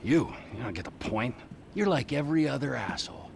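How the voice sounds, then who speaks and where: Trevor, a ranting unhinged criminal. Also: male voice, medium pitch, animated, a little fast, gravelly, a little mellow, slight background noise. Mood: bitter. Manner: explosive, ranting, swears constantly. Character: unhinged violent middle-aged male criminal. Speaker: volatile criminal character. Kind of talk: video game cutscene acting.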